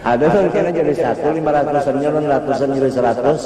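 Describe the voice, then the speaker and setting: A man's voice: fairly high pitch, fast talker, a crowd in the background. Man, Banjar accent, chatty laughing sermon, distant mic, long hall reverb. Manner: chatty, joking, often laughing. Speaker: preacher.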